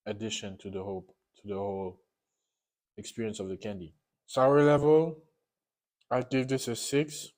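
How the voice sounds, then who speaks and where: A man's voice: mid-range voice, a little mellow. A man giving a casual, unscripted taste-test review while eating sour candy, often repeating and rephrasing himself.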